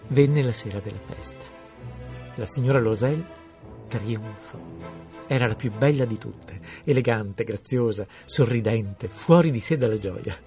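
A man reading a story aloud in a measured, expressive way. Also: medium pitch, soft background music. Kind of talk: scripted story narration.

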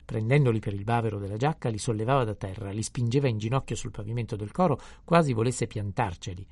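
Male narrator, gravelly voice, dark tone, measured audiobook reading. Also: on the low side, no room sound. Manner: measured, descriptive. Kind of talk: audiobook reading of a classic novel.

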